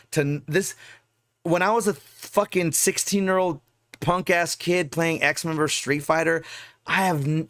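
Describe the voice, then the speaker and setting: A man in his forties hosts a live podcast in a loose, profane rant, hammering his points and tacking "right?" onto his sentences. His voice sits a little high for a man. The sound is close and dry, with no room echo. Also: fairly bright tone. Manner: profane, emphatic, keeps tagging "right?". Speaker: podcast host.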